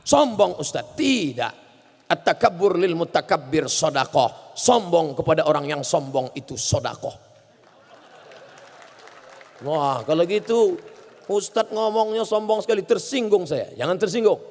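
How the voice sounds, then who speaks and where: A man in his forties preaching a lively, humorous sermon, acting out quotes in the story and shouting at its peaks. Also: fairly high pitch, measured pace. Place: large hall. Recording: hall reverb.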